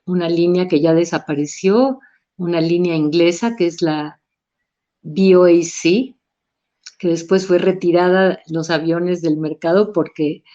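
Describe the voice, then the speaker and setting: Her voice on the low side and dark in tone, a middle-aged Mexican woman gives a thoughtful personal talk in a Mexican Spanish accent. She hesitates and restarts now and then, and the sound is a little muffled.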